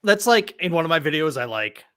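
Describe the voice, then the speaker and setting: Guy hosting a livestream from home, bright clear voice, rambly and sarcastic. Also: fairly high pitch, sing-song, a little fast. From Milwaukee area. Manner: rambling, self-deprecating, sarcastic. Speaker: livestream host. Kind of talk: casual chat. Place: old house, home studio.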